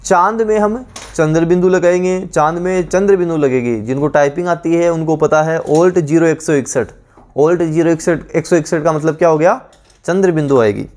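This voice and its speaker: A man's voice: fairly high pitch, moderate pace, a little mellow. A male teacher giving an online exam-prep lesson, drilling words by repeating each one several times.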